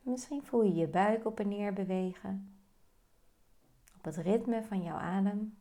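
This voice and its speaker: A woman guiding a meditation, giving slow, calm, soft-spoken instructions. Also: medium pitch. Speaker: meditation guide. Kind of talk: guided meditation.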